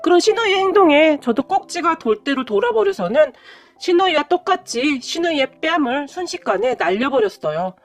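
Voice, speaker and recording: A woman narrating a first-person drama story in a dramatic, expressive storytelling manner. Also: high-pitched, normal speed.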